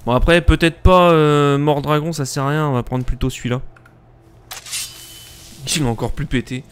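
A man streaming a live game, joking crudely and bursting into excited outbursts as he plays. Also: fairly high pitch, normal speed, a little hiss or hum. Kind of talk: live gaming commentary.

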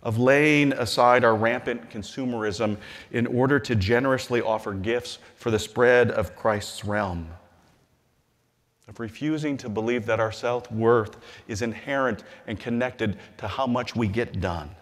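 Earnest bishop preaching in a reverberant hall. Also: male voice, mid-range voice. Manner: measured and earnest, slowing and softening on scripture. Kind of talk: sermon-style convention address. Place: large hall, at a lectern on a stage.

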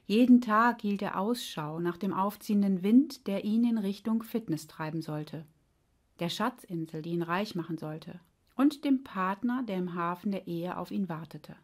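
A woman coach reading a story aloud in a calm, soft way, sometimes dropping to a whisper. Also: mid-range voice, moderate pace. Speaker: life coach. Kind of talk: storytelling narration.

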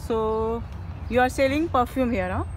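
A woman's voice: fairly high pitch, extremely slow, slight background noise, low-quality recording. A middle-aged woman vlogging outdoors in a park, chatty and cheerful, filming herself on a handheld phone camera and switching between English and Hindi. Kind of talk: casual vlog chat.

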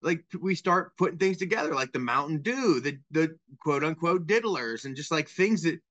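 A man in his thirties talks over a video call from a small room at home. His voice is bright and forceful, pitched a little high, and he tells stories candidly and pokes fun at himself. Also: expressive, normal speed, dull audio. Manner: candid, self-deprecating storyteller. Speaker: guest, property cleanout worker. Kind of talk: casual interview talk on video call. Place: small room indoors with bookshelf.

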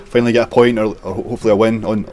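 A male interviewer asks brisk post-match questions. He talks very fast in a low, flat voice, and faint background noise sits under the recording.

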